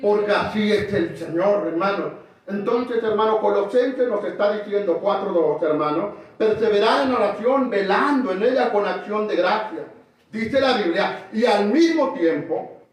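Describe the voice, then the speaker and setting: A man's voice: sits high, animated, unhurried. A man preaching a sermon, emphatic and calling out to his listeners as brother again and again. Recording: very echoey, distant mic in a hall.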